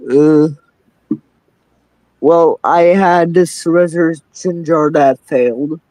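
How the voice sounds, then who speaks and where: A young man speaks slowly and hesitantly, often pausing to find his words as he asks questions on a live stream. His voice sits a little high and sounds close and dry. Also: steady tone, warm tone, no echo, rough recording. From Czech Republic. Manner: hesitant, many fillers and restarts, asks questions. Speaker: caller. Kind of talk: live-stream casual chat.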